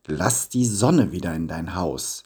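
A man voicing a kind, wise old bishop who speaks calmly and gently. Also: low voice, a little slow, voice pushed down. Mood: gentle. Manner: calm, gentle speech.

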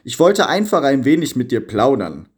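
A man voicing a kind, wise old bishop who speaks calmly and gently. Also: medium pitch, moderate pace, natural voice. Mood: gentle. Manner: calm, gentle speech.

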